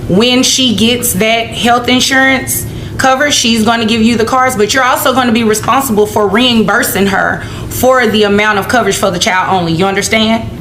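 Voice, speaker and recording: A woman's voice: on the high side, steady tone, normal speed, a bit bright. A woman speaking as a courtroom judge, firm, scolding and insistent as she gives her rulings. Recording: roomy courtroom with clear background noise.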